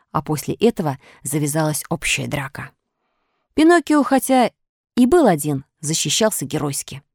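A woman narrating a children's storybook with animated, expressive delivery. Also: deep voice, no room sound, clean studio sound.

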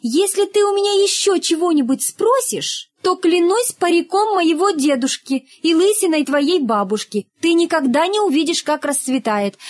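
A woman voicing a bossy, quick-tempered schoolgirl at summer camp in a storybook reading, with a commanding, threatening manner. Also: sits high, voice pushed up.

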